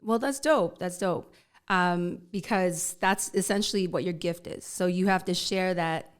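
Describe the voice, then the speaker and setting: A woman's voice: on the low side, measured pace, smooth. A woman hosting a casual interview, upbeat and affirming as she asks her questions. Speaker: interview host.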